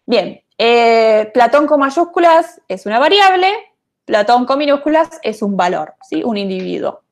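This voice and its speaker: A woman gives an online programming lecture in a voice a little high for a woman, animated yet at a measured pace. She speaks loosely and thinks aloud, dropping fillers as she explains, in what sounds like a casual remote class on a computer mic.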